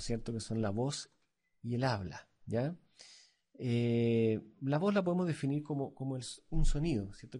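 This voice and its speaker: A man with a Chilean accent delivers a recorded lecture, stopping and restarting with fillers and checking questions. His voice is mellow and slightly husky, at a middle pitch. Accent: Chilean Spanish. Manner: halting, many fillers and tag questions. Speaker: instructor.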